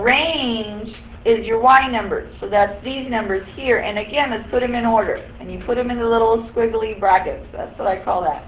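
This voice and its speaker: A woman's voice: on the high side, slight background noise. A woman teaching a class, explaining step by step and quizzing the students. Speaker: high school algebra teacher. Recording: echoey room, tinny phone-like sound.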